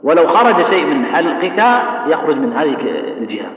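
Male tajweed teacher, quizzing the class and drawing out examples, slightly high voice, mic off at a distance in a big reverberant hall. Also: expressive. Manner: asks the class questions and answers them himself, drawing out example words slowly. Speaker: Quran recitation teacher. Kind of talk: tajweed lesson explaining and demonstrating pronunciation. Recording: distant, echoey hall, dull sound.

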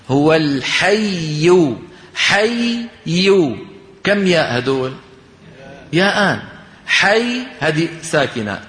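A man teaching Quran recitation, his fairly high voice ringing with a long echo as if in a large hall. He quizzes his listeners, answers each question himself, and draws out the verses he uses as examples in a slow chant. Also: a bit bright. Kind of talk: recitation lesson.

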